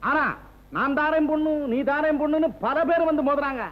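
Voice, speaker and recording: A man's voice: very high voice, fairly even intonation, a little fast, a bit bright, poor audio. An actor playing a pompous, domineering middle-aged village headman who dotes on his son, in a 1960s film. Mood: boastful. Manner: boastful and domineering. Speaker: village council president.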